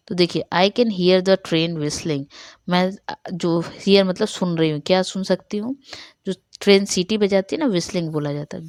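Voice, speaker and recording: A woman teacher with an Indian accent. She reads English questions slowly and explains them in Hindi, often asking a question and answering it herself. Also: on the low side, darkish tone, no room sound, studio quality. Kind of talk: Hindi-medium English revision lesson.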